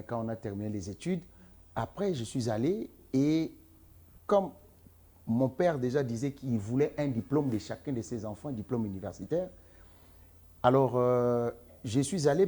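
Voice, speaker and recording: A man's voice: mid-range voice, warm tone, slightly rough. A man from the Democratic Republic of the Congo, answering interview questions as a guest, earnest and emphatic. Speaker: interview guest, entrepreneur and author.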